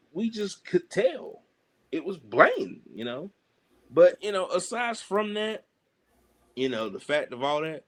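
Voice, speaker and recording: A man telling stories casually and animatedly in colloquial speech, acting out the exchanges he quotes. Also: on the high side. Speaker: pro wrestler telling stories.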